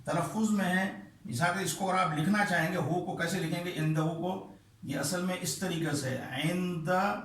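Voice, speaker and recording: A man with a somewhat high voice teaches the rules of Quran recitation, repeating terms patiently and drawing out vowels to demonstrate. His voice rings in a very reverberant room. He stands back from the microphone. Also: fairly even intonation, fairly bright tone, recorded from a distance. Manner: patient, repeats terms slowly, checks understanding with "ٹھیک ہے"; demonstrates by stretching vowels in chanted examples. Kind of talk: explaining recitation rules at a board.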